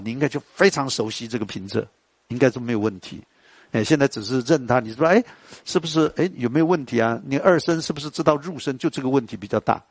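A man with a Taiwanese Mandarin accent teaching a lesson on classical poetry tones, quizzing students and chanting lines slowly. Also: medium pitch, no echo.

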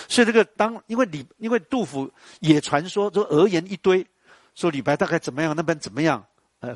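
A man, lecturing a class in an animated, storytelling way and putting questions to the audience. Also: on the high side, no room sound.

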